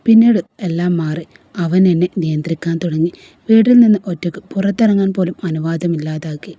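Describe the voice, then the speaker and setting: A woman's voice: on the low side, a little fast, warm tone, no room sound, highs cut off, lightly acted. A woman voicing a heartbroken married woman who pours out her sorrow in a storybook reading. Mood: sorrowful.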